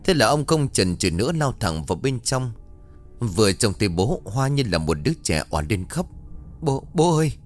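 A man with a low voice tells a ghost story, his pitch rising and falling dramatically to build suspense. Soft music plays faintly behind him. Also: sing-song, moderate pace. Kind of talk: scripted narration of a ghost story.

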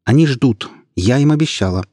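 A man voicing a young woman, a budding witch, speaking calmly, coldly and firmly in an audiobook. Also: mid-range voice, fairly quick, husky, no echo, clean studio sound, voice pushed up. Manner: calm, cold and firm.

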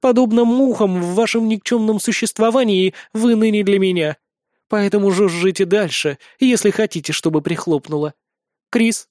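A man's voice: high-pitched, moderate pace, darkish tone, dry recording, studio quality, voice pushed up, lightly acted. A man voicing a haughty predatory goddess. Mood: mocking. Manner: haughty, mocking. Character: arrogant predatory female goddess ruler.

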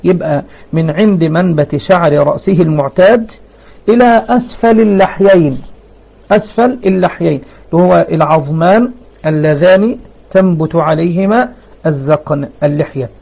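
A man's voice: on the high side, moderate pace, gravelly, slightly rough. A man giving a religious lesson, reading lines of a text and explaining them with rhetorical questions. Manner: reads verses then explains with rhetorical questions. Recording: phone-like narrow band.

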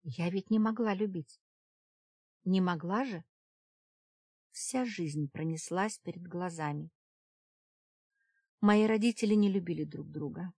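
A woman narrating a fantasy novel in the first person, calm and even. Her voice sits low for a woman. The studio sound is close and dry. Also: breathy edge, dry recording. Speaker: audiobook narrator.

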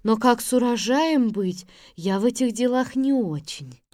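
A calm, wise fairy-tale maiden. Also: female voice, fairly high pitch, no echo, studio quality. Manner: calm, measured. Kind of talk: audiobook radio play.

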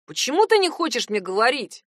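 A woman voicing a nosy, hotheaded young male cousin who keeps pressing with loud, insistent questions. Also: fairly high pitch, sing-song, fairly quick, no echo, clean studio sound, pitched above the performer's own voice. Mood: pushy, prying.

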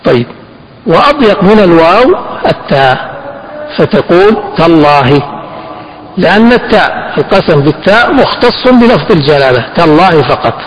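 A man teaching a fiqh text. He asks his students questions, answers them himself, and slows down to stress the key phrases. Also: on the high side, big pitch swings, husky, low-quality recording. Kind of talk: classroom lesson explaining a text.

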